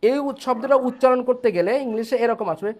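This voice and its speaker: A man's voice: very high voice, quick pace. A man teaching an online English class, explaining step by step and checking in with his students.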